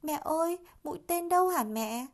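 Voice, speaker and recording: Woman doing a high-voiced little monkey child. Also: lively intonation, normal speed. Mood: worried. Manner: high, loud childlike calling. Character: small young monkey child, anxious and loving.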